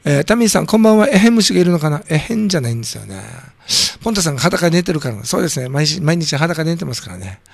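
A hoarse man with a throat cold hosting a community radio show, chatting casually and joking while reading listener comments. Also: fairly high pitch, sing-song, rapid-fire, no echo. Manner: chatty, jokey, reacts to comments aloud. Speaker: radio host.

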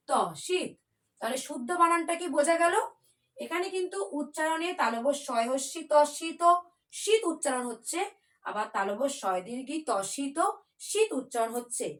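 High-voiced woman teaching children spelling. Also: a bit bright. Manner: coaxing, patient, spells words letter by letter.

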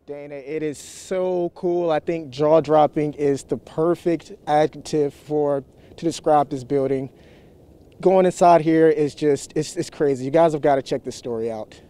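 Male field reporter, live, mellow tone, slightly high, chatty and upbeat. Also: measured pace, clean tone. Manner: enthusiastic, chatty. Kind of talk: live news hit. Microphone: handheld mic.

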